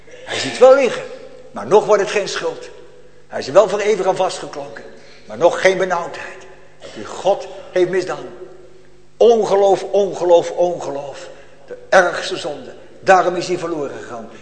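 Male preacher, emphatic, fairly high voice, echoey church hall recording. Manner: emphatic, repeats phrases, swings from loud to hushed. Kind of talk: sermon.

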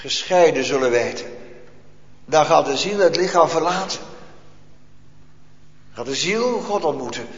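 A man preaching a solemn sermon, asking rhetorical questions and leaving long pauses. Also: sits high, fairly bright tone. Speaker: pastor. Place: church hall. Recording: echoey church hall, dull lo-fi.

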